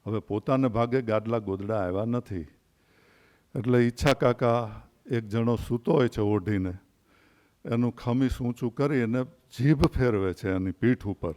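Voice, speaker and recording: An older man in his sixties speaks at a literary gathering. He tells stories and anecdotes in a measured, unhurried way and pauses between phrases. His voice sits at an ordinary, mid-range pitch for a man. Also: darkish tone. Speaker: invited speaker at a literary event.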